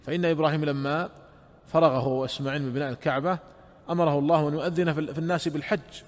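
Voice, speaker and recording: A man giving a religious lesson, explaining each phrase slowly and repeating key words. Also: on the high side, steady tone. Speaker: Islamic scholar. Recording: long hall reverb.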